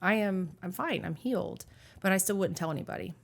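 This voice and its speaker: A woman sharing her personal faith testimony as a guest, talking earnestly and haltingly, with many restarts and fillers. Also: on the low side, expressive, creaky. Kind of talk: candid faith interview.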